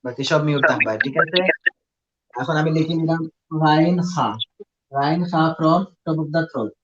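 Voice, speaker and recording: A man's voice: fairly high pitch, measured pace, fairly bright tone. A man with a Sylheti accent teaching Quran recitation in a live online class, patiently drilling sounds and mixing in English. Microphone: video call. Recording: dull lo-fi video call audio.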